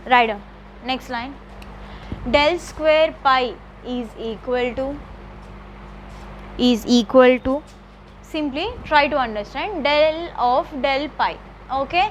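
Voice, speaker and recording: Woman math teacher, high voice, dictating slowly, faint room hum. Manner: repetitive, slow dictation with checking questions. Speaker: college math lecturer. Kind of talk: classroom lecture dictating notes.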